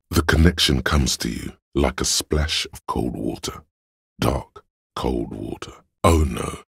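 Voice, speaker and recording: In scripted game narration, a man with a deep, husky, gravelly voice gives a detective's inner logic, cold, analytical and condescending, delivered in a measured, deliberate way. The performance is exaggerated, recorded dry with studio quality.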